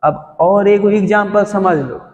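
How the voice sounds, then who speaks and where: A man's voice: high voice, measured pace. A male physics teacher giving a classroom lesson, explaining through everyday stories and constantly quizzing his students. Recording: echoey hall, dull sound.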